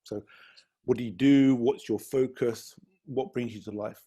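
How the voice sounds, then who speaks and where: A man hosts a live-streamed interview in a chatty, friendly way, stumbling a little over his words as he introduces his guest. His voice is dark and mellow with a husky edge. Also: mid-range voice, steady tone, unhurried. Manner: chatty, gently hesitant, friendly questioning.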